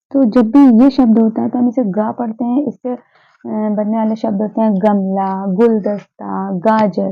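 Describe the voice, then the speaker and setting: Patiently explaining Hindi pronunciation, a woman teacher repeats the sounds and answers her own questions in a slightly high, creaky voice. The audio has a tinny, phone-like quality.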